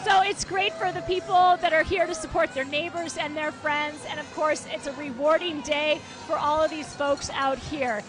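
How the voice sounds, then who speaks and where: A woman reports live from a city street as a roving correspondent. Her voice is very high, and music plays clearly behind her outdoor broadcast. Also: steady tone, moderate pace, few pauses. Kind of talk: live on-location race coverage.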